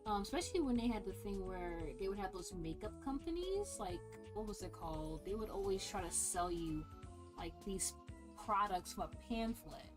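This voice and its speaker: Female streamer, casual play commentary, lively pitch movement, musing aloud over game music. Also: normal speed. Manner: muses aloud to herself.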